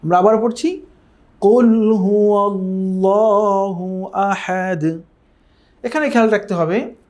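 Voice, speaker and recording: A man teaching a Quran reading class, patiently drilling pronunciation and slowly chanting short verses. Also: high voice, mellow. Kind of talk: recorded online lesson.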